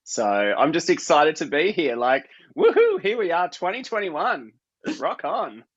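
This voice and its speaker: A man's voice: on the high side, sing-song, unhurried, slightly rough, highs cut off. A man from New South Wales with an Australian accent, a guest chatting upbeat and casually from his home office over a video call, with plenty of filler words. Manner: upbeat, chatty, many fillers like "look" and "hey". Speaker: guest entrepreneur. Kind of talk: casual interview chat.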